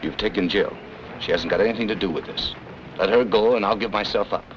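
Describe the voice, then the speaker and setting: Hard-boiled 1940s movie fugitive played by a man, defiant, rapid delivery, dull and noisy vintage audio. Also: fairly low pitch, lightly acted. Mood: defiant, urgent. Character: hunted, defiant man falsely accused of murder. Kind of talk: 1940s film noir acting. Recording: muffled, noisy old film soundtrack.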